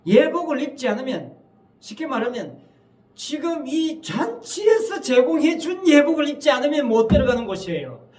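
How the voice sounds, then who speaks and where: A male pastor preaching a Sunday sermon in a church, emphatic and full of rhetorical questions to the congregation. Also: very high-pitched. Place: church sanctuary. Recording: echoey church hall, mic at a distance.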